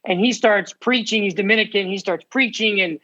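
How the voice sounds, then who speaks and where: A man in his forties from the United States tells his own story as a podcast guest. His voice sits a little high and he moves through it with eager energy and quick asides. The audio is slightly dull and lo-fi. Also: bright, forceful tone. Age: 40s. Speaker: guest, ministry founder. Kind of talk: podcast interview.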